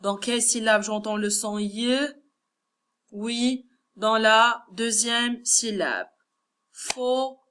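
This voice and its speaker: A woman's voice: a little high, steady tone, slow pace, pushed and bright, a little hiss or hum. A woman with a Moroccan French accent, teaching a first-grade class, patiently sounding out words syllable by syllable. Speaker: primary school teacher. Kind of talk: classroom lesson correction.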